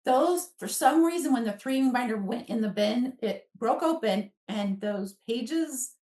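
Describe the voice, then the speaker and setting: A woman in her fifties, a guest author, tells personal stories conversationally and acts out quoted asides. Her voice is on the high side with a dark tone and lively intonation, unhurried, and she sounds distant from the microphone in a room with roomy echo.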